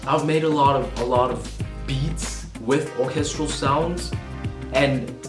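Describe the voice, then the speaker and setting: Slow and steady, at medium pitch, a man in his 20s rambles to camera about music in a casual way. Born in Vietnam, he's a vlogger and musician who comes across as self-conscious and curses now and then; music sits under a roomy recording.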